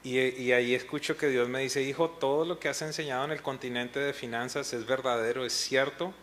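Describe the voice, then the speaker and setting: Heard over slight background noise, a middle-aged pastor speaks a little fast in a mid-range, slightly bright voice with fairly even intonation. His pastors' panel testimony is an emotional personal story, sometimes recounting times he broke into tears.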